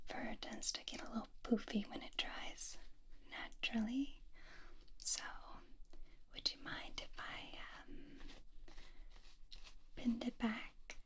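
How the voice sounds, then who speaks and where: A young woman whispering slowly as Belle, tenderly grooming a beast in an ASMR roleplay. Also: a little high. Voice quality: breathy whisper. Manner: slow, tender, reassuring personal attention.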